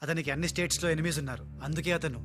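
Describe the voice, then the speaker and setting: A man's voice: a little high, rapid-fire, loud music behind the voice, natural voice. A young man playing an earnest hero who has turned from bad to good, talking intently.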